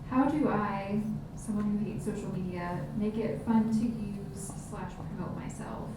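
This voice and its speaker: A woman's voice: medium pitch, measured pace. A woman reading out a question to a discussion panel. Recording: distant, noisy, very echoey room.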